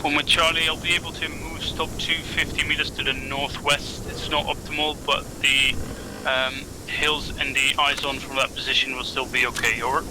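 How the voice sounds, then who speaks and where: A man's voice: on the high side, little pitch movement, moderate pace. Male section lead over a walkie talkie, formal clipped radio procedure, noisy game audio. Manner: clipped, formal call-and-answer radio phrasing.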